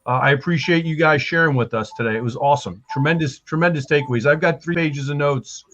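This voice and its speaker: A man with a fairly high, fairly bright voice talks fast while hosting a casual panel show. He's playful and hyped, tossing out nicknames and catchphrases and calling people "baby." The recording sounds slightly dull with faint noise.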